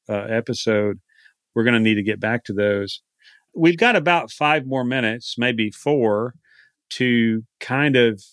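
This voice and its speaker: A man's voice: mid-range voice, a bit bright, dry recording, studio quality. A man with a Texan accent hosting a podcast interview, talking in a casual, rambling way with frequent restarts. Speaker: podcast host.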